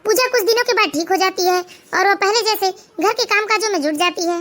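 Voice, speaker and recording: High, bright woman storyteller, steady scripted narration for a cartoon story. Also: fairly quick.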